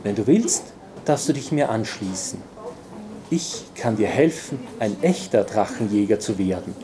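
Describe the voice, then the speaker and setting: A man reading aloud voices a mysterious, seductive woman with a smoky, quiet, coaxing voice. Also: fairly low pitch, animated, a little slow, noisy background, pitched below the performer's own voice.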